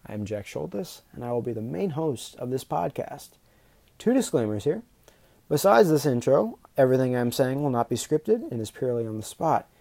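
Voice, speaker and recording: This male podcast host delivers unscripted solo talk in a nervous way, tripping over his words, starting over, and filling gaps with frequent ums. His medium-pitched voice is very animated, gravelly, and warm, moving at normal speed in a recording without room sound.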